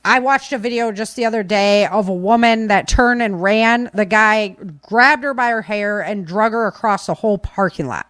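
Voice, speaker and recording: Her medium-pitched, fairly bright voice moves at normal speed with few pauses, in a dry recording. The speaker, a podcaster covering preparedness and self-defense, talks casually yet insistently, offering opinionated advice and repeating key phrases to hammer them in.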